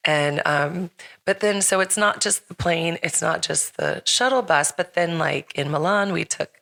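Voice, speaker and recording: Taking an unhurried pace, a middle-aged woman hosts a casual podcast chat. Her low, gravelly voice carries a slight rasp from recent illness, yet her tone stays bright and forward as she rambles loosely, full of fillers and restarts.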